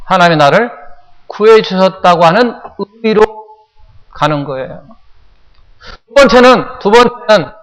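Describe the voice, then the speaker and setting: High-voiced pastor preaching in a reverberant church. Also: male voice, a bit bright. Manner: asks the congregation questions, repeats phrases for emphasis. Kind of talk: sermon. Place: church sanctuary.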